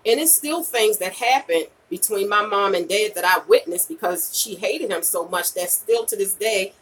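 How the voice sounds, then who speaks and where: Her husky, mid-range voice at a normal pace sounds distant on this low-quality recording. She's in her late 40s, a vlogger and podcaster talking live with viewers, offering frank, slangy advice emphatically and repeating herself, often adding "okay?" and "you know."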